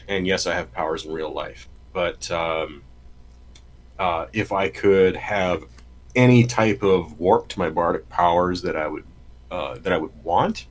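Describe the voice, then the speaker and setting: A man co-hosting a podcast in casual chat, joking and playful. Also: deep voice. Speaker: podcast co-host.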